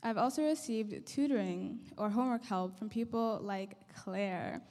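She's a young adult from Somalia, delivering a sincere speech of gratitude from her notes at a measured pace. Her mid-range, slightly mellow voice goes through a handheld mic and echoes with long hall reverb in the church.

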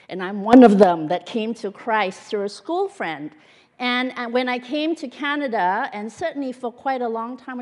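A woman from Malaysia and Singapore giving a conversational sermon with personal testimony as a guest church speaker, earnest and full of fillers. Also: fairly high pitch. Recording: long hall reverb.

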